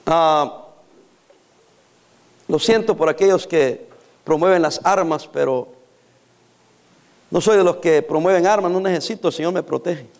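A man's voice: a little high, measured pace, vocal fry, pauses often. A man in his fifties preaching a sermon, teasing his congregation with jokes and dramatic stories. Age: 50s. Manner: joking, teasing storyteller.

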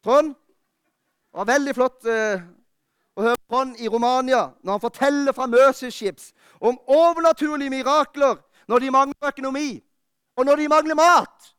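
A high-voiced man preaches with fervour, pressing hard and then easing into close, personal words. His tone is smooth and resonant, and the sound is dry and close to the mic, with little room around it. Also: no room sound. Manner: fervent preaching that drops to quiet, intimate talk. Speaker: pastor. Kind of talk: sermon. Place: church.

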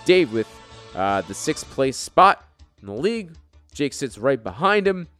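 A man's voice: medium pitch, big pitch swings, a little slow, fairly bright tone, no echo, faint music behind. A man hosting an informal fantasy sports top ten countdown show, with profane, bro-style trash talk. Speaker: fantasy football league show host.

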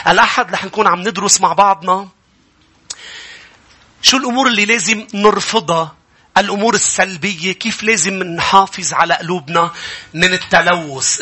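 A man with a Lebanese Arabic accent preaching a sermon as pastor, moving from calm teaching to a fervent call to the congregation. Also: sits high, quick pace, breathy edge. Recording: music playing behind the voice.

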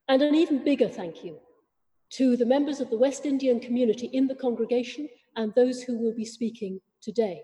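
A woman vicar leading a church service in a measured, formal liturgical manner, her voice ringing with a long cathedral echo. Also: on the high side, warm tone. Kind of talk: liturgy and welcome notices.

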